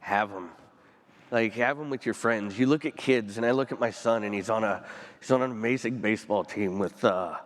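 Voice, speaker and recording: A man's voice: medium pitch, big-room sound. Earnest man speaking onstage, emotional. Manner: earnest, emotional, pausing often. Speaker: panel guest. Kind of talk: onstage conversation. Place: conference stage.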